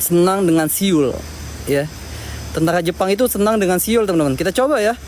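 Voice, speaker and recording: A man talking casually to viewers as host of a ghost-hunting night vlog, halting and repeating himself. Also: sits high. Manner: repetitive, halting, often addresses listeners directly. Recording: noisy outdoor night recording with insects.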